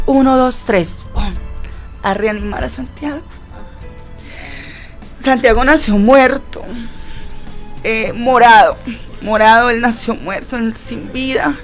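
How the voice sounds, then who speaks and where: A woman tells an emotional testimony in a fairly high voice. She talks earnestly and leans on repeated phrases. Soft music plays faintly behind her. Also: a little slow, long pauses. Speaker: guest sharing her testimony.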